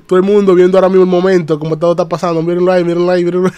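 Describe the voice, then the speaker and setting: A man recaps wrestling on a live stream, lively and chatty as he greets his chat. His voice sits a little high, and the recording is close and dry, with no room echo.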